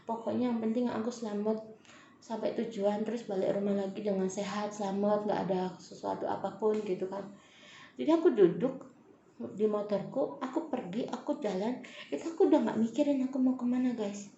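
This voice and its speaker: A woman's voice: mid-range voice, brisk, warm tone, slight background noise. A young woman, casually telling viewers a personal story, often calling them guys. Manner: chatty, addresses viewers as guys, emotional retelling. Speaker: vlogger. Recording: echoey room, slightly dull sound.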